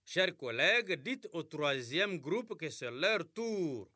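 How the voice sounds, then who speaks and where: A man teaching a class, giving clear and encouraging instructions. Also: a little high, very animated, slow, sharp tone, no echo, clean studio sound.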